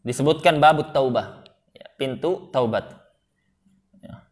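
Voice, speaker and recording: Male preacher, mid-pitched voice, lecturing an audience with frequent "ya" and Arabic quotes. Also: takes it slowly. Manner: frequent affirming "ya", quotes Arabic then explains; asks the audience questions. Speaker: Islamic preacher. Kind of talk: religious study lecture.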